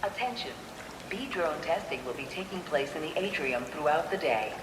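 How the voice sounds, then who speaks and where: A polite announcer voice making calm, smooth scripted announcements over a building loudspeaker in a game. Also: medium pitch, normal speed, very noisy. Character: polite research-center announcer voice. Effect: soft announcement over a building loudspeaker. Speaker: building public address announcer. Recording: echoey loudspeaker over loud game music. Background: loud background music.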